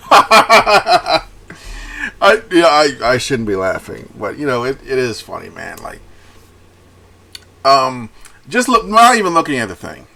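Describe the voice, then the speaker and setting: A young man talks through gaming news in a loose, chatty way, breaking off to laugh and restart his sentences. His voice has a gravelly edge, and his pitch swings up and down a lot. He reads the article in bits and then comments on it. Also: bright, forceful tone. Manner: laughs often and rambles with restarts. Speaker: gaming news channel host. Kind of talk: casual commentary, reading a news article aloud.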